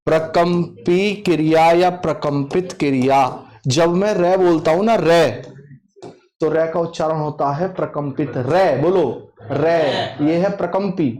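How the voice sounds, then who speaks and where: A man's voice: a little high, darkish tone. A man teaching an exam-prep language class, drilling students by repeating questions and answers aloud. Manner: slow, emphatic explanation. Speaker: Hindi teacher.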